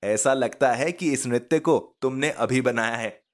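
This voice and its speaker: A man's voice: mid-range voice, unhurried, pitched above the performer's own voice, lightly acted. A man voicing Firoz, a wry schoolboy who mutters and grumbles, in a storybook reading. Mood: amused.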